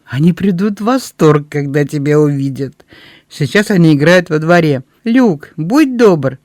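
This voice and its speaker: A man reading aloud, voicing an excitable mother of young children who exclaims loudly and gushes. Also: low voice, a little slow, dry recording, clean studio sound. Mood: excited. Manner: loud, exclamatory and gushing.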